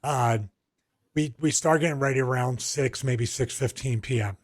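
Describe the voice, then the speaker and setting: A man's voice: mid-range voice, moderate pace. Here a middle-aged man with a Philadelphia accent talks through long, meandering stories on a podcast. He speaks in an easygoing, conversational way, restarting sentences often and leaning on fillers as he goes. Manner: rambling, storytelling with frequent restarts and fillers. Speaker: podcast co-host. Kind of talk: casual chat.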